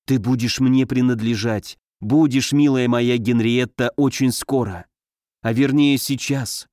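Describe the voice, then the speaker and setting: A man's voice: medium pitch, fairly even intonation, a little slow, a little mellow, no echo, studio quality, lightly acted. A man voicing an ardent young lover who pleads urgently and insistently in an audiobook. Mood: pleading.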